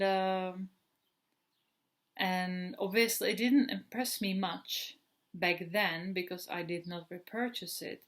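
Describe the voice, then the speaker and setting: A woman's voice: medium pitch, a bit bright. A woman in her thirties, originally from the Republic, chatting casually in a perfume review vlog, rambling with many fillers and restarts. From Czech Republic. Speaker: perfume vlogger.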